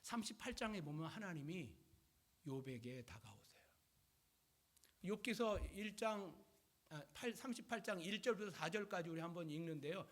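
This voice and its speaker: A male pastor preaching a sermon in an animated, conversational way. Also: sits high, moderate pace.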